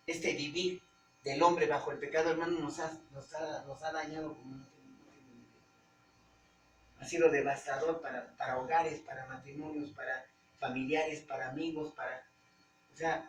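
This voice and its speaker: A man's voice: on the high side, steady tone. A male pastor with a Mexican accent speaks in a slightly raised voice. He talks to his congregation in a loose, chatty way, stopping to hunt for words. The mic sits far off in a reverberant church hall, with a faint hum underneath. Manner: conversational, halting, searches for words. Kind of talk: informal Bible-study preaching.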